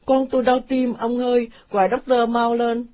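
A woman voicing an excitable older mother in a spoken story. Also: moderate pace, husky, muffled recording. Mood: panicked. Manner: shrill, excitable. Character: older mother, shrill and fretful.

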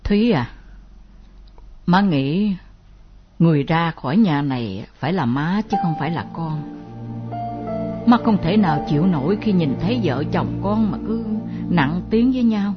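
Actress as a pleading old mother, lowish voice, lo-fi with music. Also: lightly acted. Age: older. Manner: pleading, self-effacing. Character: frail self-sacrificing elderly mother. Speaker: elderly mother. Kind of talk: melodramatic radio drama acting. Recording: dull lo-fi recording with music.

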